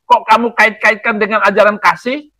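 High, sharp-voiced man debating heatedly. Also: level tone, normal speed, no echo, rough recording. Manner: scolding, combative.

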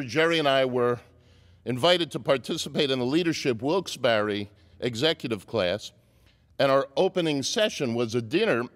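A man's voice: medium pitch, fairly bright tone. A man, a rabbi, giving a commencement speech with a wry, joking delivery. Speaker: commencement speaker. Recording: long hall reverb.

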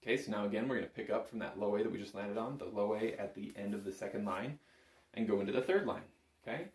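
Counting beats and checking in as he moves through each step, a bagpipe instructor with a fairly low, darkish voice keeps a quick pace in a casual lesson. A camera a short distance in front records him in a small indoor room full of instruments, leaving a roomy echo.

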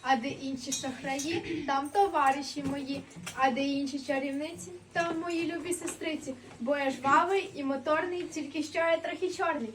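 Nimble, boastful little devil played by a woman, high voice, declaimed verse for a nativity play, mic at a distance. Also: steady tone, moderate pace, a bit bright. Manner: rhymed declamation. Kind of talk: Christmas nativity folk play. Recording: distant mic, faint background noise.

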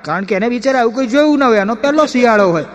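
A male stand-up comedian and mimic telling animated comic stories on stage, switching into character voices. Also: extremely high pitch, rapid-fire, dull audio. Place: stage performance hall with audience. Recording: echoey hall reverb.

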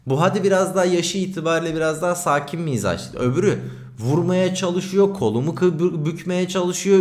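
Journalist guy ranting on stream over a clip, indignant, voice jumping all over, echoey room. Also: high voice. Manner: indignant, animated retelling. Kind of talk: livestream commentary over a video clip.

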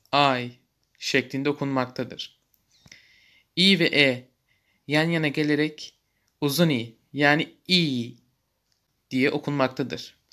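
Slow, careful male language teacher. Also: fairly high pitch, a bit bright. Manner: pronounces each example word twice, slow and careful. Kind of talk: slow, deliberate language lesson.

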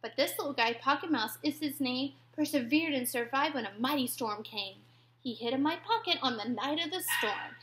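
A woman voicing a kind, caring female beach educator in a storybook read-aloud, speaking softly and gently. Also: high-pitched, moderate pace. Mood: gentle.

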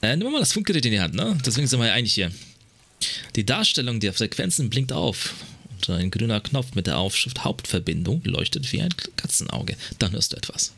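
A man's voice: medium pitch, sing-song, brisk, a bit bright, slightly rough, no room sound. A man playing a video game, reading its narration aloud and adding casual asides. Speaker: let's player.

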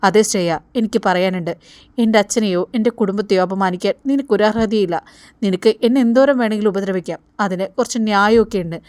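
A woman's voice: medium pitch, fast, darkish tone, no room sound, lightly acted. Woman reading as defiant young man, firm, warning, dry close sound. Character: defiant young man defending his family.

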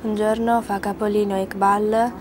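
A woman's voice: medium pitch, little pitch movement, moderate pace, noisy background. A teenage schoolgirl reporting for a school news broadcast, reading hesitantly with fillers. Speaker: student reporter.

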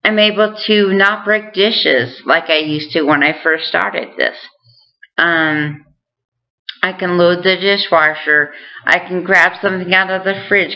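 A woman with a somewhat low voice talks to her viewers in an unhurried, deliberate way. She is earnest and encouraging, speaking casually to camera. The recording sounds dull and lo-fi. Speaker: vlogger sharing recovery tips. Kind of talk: casual direct-to-camera talk.

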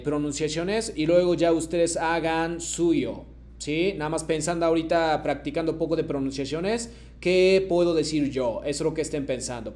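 A man teaching a Japanese class over a video call, patiently modeling each phrase slowly for students to repeat. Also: fairly high pitch, a little mellow. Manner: patient, slow careful modeling of phrases for repetition. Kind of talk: online language lesson.

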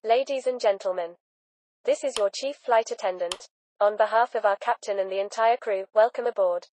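A woman voicing a polite flight attendant reading scripted cabin announcements in a formal, measured delivery. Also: medium pitch, natural voice. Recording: loud aircraft engine noise behind.

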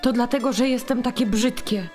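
Woman as the high, timid Ugly Duckling. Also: moderate pace, darkish tone, faint music behind, natural voice. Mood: sad, meek. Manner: plaintive, naive. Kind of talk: radio play of a fairy tale.

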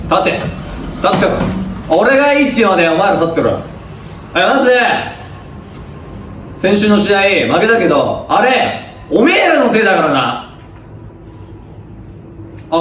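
A man acting a bossy high school senior athlete who barks rough orders at juniors in a comedy sketch. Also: a bit bright, slight background noise, exaggerated voice. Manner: barking rough orders, berating. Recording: echoey room, mic from a distance.

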